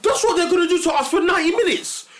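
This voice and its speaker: A man with a London roadman accent in casual football banter, excitable, emphatic and slangy, repeating himself. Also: very high-pitched, quick pace.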